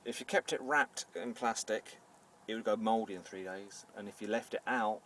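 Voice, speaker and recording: This Northern Irish man, a home baker, chats off the cuff while cooking in a camper van, his lowish voice fairly bright and moderately paced. Phrases often begin with hesitation and repeated words. The recording comes from a distant mic, with faint background noise.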